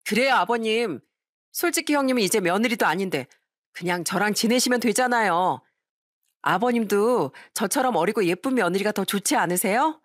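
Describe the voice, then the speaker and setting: A woman plays a rude, greedy young sister-in-law in a dramatized audio story. She talks with mocking, sly contempt at a middle pitch. The recording is dry and close. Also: animated, normal speed, no echo, close to an everyday voice. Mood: snide. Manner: mocking, snide.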